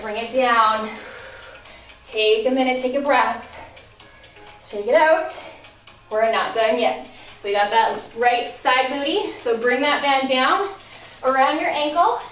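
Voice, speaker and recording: High-pitched barre instructor lady counting reps, kinda roomy and far from the mic, music low behind. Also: fairly bright tone. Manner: encouraging counted cues. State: losing her voice. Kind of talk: workout class cueing.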